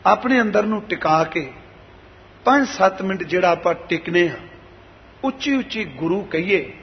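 Sermon voice: high-pitched man, reciting verses in slow chant, long echo of a large hall. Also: a little hiss or hum. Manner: slow chanting of scripture lines; addresses the congregation warmly as beloved ones. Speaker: Sikh preacher giving katha. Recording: dull sound with long hall reverb.

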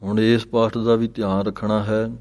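A man teaching the correct pronunciation of scripture, chanting each verse slowly and then explaining the spelling and pauses in a plain spoken voice. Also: lowish voice, flat delivery, a little mellow. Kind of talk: recitation lesson.

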